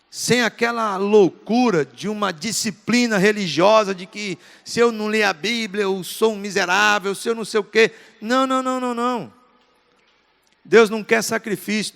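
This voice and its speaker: High-voiced man preaching in a reverberant church. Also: creaky, a bit bright. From Brazil. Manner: earnest preaching with emphatic repetition. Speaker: pastor. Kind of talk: sermon. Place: large church hall. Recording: long reverb of a church hall.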